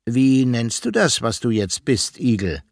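A man's voice: mid-range voice, sing-song, measured pace, darkish tone, no room sound, clean studio sound. A man doing a cool, judging fire toad. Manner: cool, judging, matter-of-fact. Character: bossy, provoking female fire toad. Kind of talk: storybook reading.

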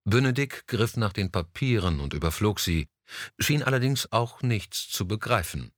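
A man narrating a novel with expressive, measured delivery and a fairly low voice that moves through a wide pitch range. The sound is dry and close, with no room echo. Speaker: audiobook narrator.

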